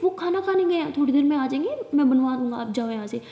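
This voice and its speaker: A woman's voice: high voice, lively intonation, fast talker, muffled recording. A woman voicing a flustered young male showroom helper who talks evasively. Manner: evasive, pleading to be left alone. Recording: echoey room with long reverb.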